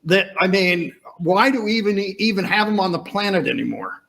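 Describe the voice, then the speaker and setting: A man hosts a podcast over a video call, chatting casually with a guest in an emphatic style full of rhetorical questions. His high-pitched voice has lively intonation, normal speed, vocal fry and a fairly bright tone.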